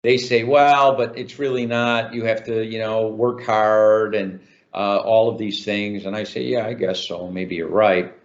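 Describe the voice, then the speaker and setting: A man from Chicago speaks in a very deep voice, rambling through his answers with plenty of ums and false starts. The sound is slightly dull, as over a video call. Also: steady tone, a little slow. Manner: talkative, many fillers and restarts. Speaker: author guest. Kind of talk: interview answers.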